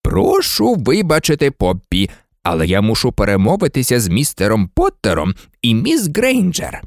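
A reader voicing a calm, wise old male headmaster in a storybook, firm and unhurried. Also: medium pitch, dry recording, clean studio sound.

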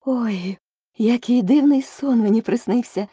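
A woman reading aloud, voicing a bold young girl in a storybook who talks high, loud and outspoken. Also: big pitch swings, measured pace, husky, dry recording, clean studio sound, exaggerated voice. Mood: amazed.

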